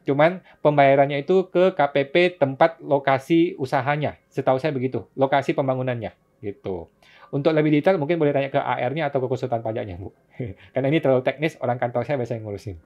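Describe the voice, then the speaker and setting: A man's voice: mid-range voice, fast talker. A man hosting a casual live-stream Q&A, reading viewers' questions and answering them patiently with frequent chuckles. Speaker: tax consultant host answering viewer questions. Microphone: phone or laptop mic for live stream. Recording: dull lo-fi live-stream audio.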